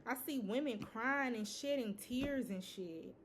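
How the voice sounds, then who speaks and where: A woman's voice: a little high, measured pace, a little hiss or hum. A woman giving a casual tarot reading, talking loosely with lots of "you know" and some swearing. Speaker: tarot reader.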